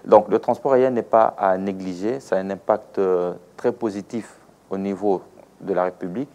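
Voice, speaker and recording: A low, mellow male voice holds a steady tone at a moderate pace. The speaker, from the Democratic Republic of the Congo and carrying a Congolese French accent, is an aviation expert giving explanatory interview answers full of examples and rhetorical questions.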